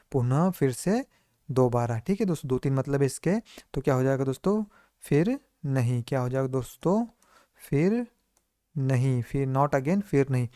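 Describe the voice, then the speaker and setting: Man teaching English in a slow, drilling voice. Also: mid-range voice, dark tone, no echo, studio quality. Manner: constantly addresses viewers as friends, asks and answers own questions; slows right down to drill English phrases. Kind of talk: Hindi-medium English lesson, repeat-after-me drills.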